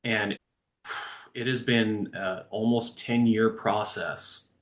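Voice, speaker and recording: A man speaking as a recovery-coach guest in a conversational interview, earnest and growing animated as he tells a story. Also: lowish voice, takes it slowly.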